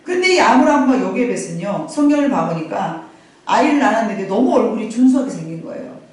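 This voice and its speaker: A middle-aged woman pastor telling a Bible story in a lively, conversational sermon, repeating phrases and addressing the congregation directly. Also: a little high, quick pace. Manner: animated, repetitive, conversational asides to the congregation. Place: church sanctuary. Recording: very echoey sanctuary, from far off.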